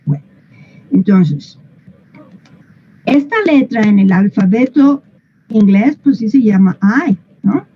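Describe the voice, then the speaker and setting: Woman, English teacher, slow and playful, dull lo-fi sound. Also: mid-range voice, expressive, husky. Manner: patient, playful, asks the class questions and models sounds. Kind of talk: classroom explanation.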